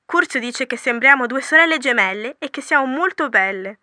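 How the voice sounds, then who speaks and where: Actress as an excited young student leaving a voicemail, high and very bright, gushing, dry close sound. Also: female voice, a little fast, no echo, full character voice. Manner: breathless, gushing, exclamatory. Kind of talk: scripted language-course dialogue.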